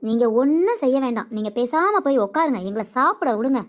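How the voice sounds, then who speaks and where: A woman's voice: sits high, sing-song, brisk. A woman voicing a cheeky, teasing young wife who talks back to her mother-in-law in a cartoon. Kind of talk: cartoon comedy voice acting.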